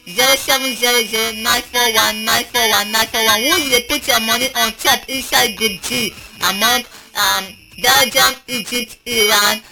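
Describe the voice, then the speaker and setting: A woman's voice: fairly high pitch, steady tone, normal speed, few pauses, over music. A woman with a Nigerian accent hosting a sports radio call-in show, chatting casually and reading out phone lines. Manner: chatty, reels off phone numbers. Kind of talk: casual sports talk in Pidgin.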